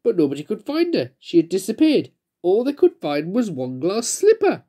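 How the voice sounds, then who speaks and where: A woman reading a children's storybook aloud, her pitch rising and falling in a lively way. She brings each character to life as she goes. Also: normal speed. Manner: expressive, voicing characters.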